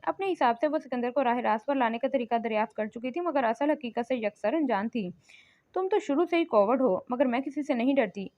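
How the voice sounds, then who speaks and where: A woman reads a romance novel aloud in a steady, emphatic way. Her voice sits high. The dry, close recording sounds a little muffled. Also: no room sound. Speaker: audiobook narrator. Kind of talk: scripted novel narration.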